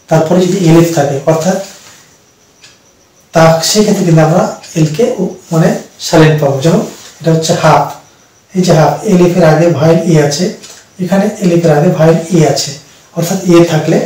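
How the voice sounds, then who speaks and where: Man teaching slowly in an echoey room. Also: a little high, darkish tone. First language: Bengali. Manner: slow, step-by-step explaining with many pauses and repetitions. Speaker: English teacher. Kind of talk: explaining English pronunciation rules. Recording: echoey room, distant from the mic.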